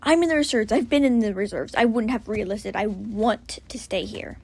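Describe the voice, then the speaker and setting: A woman voicing an earnest, sheepish young male firefighter, spoken louder than her whispered narration. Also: medium pitch, moderate pace, vocal fry, slightly rough.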